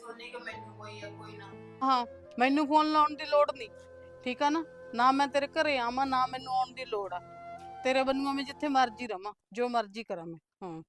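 A woman acting out a stubborn, wounded elder sister with a slightly high voice. She pleads her case with reproach in a short family film, with faint music underneath. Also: a little fast, a bit bright, natural voice. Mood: hurt. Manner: complaining and reproachful.

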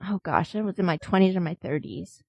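A woman's voice: lowish voice, brisk, gravelly, a little mellow, husky, dry recording, dull audio. An American woman hosting a podcast, talking in a chatty, affirming way in casual conversation. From United States. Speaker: podcast host.

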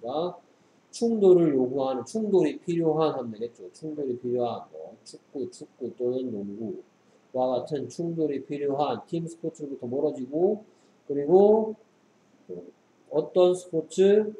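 During a tutoring lesson, an English teacher reads and explains English text, firing short questions at his student. He speaks at a moderate pace in a warm, animated voice on the high side, in an echoey room with faint background noise.

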